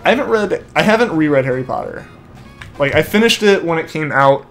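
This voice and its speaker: Lively and a bit bright, this young adult man's voice sits on the high side and moves fairly quickly. He's streaming a game, chatting casually and reading viewer comments, rambling with constant "like"s and restarts that trail off. Faint music plays behind him, and his headset mic feeds back to his headphones.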